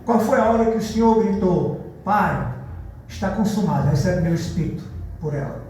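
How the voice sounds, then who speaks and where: A pastor preaching a sermon in a church, telling stories and acting out the people in them. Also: male voice, sits high, normal speed, slight background noise. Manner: lively storytelling preacher, acts out dialogue. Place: large church hall. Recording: very echoey church from far off.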